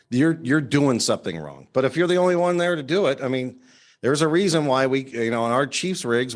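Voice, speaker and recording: A man talking casually in a panel discussion, as a fire chief would among colleagues. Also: medium pitch.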